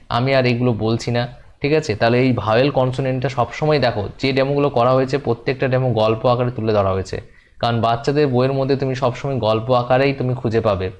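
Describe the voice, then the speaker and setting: Chatty man coaching a teaching demo. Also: medium pitch. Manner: chatty, talks to the viewer as "you", repeats points. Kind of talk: explanatory lesson.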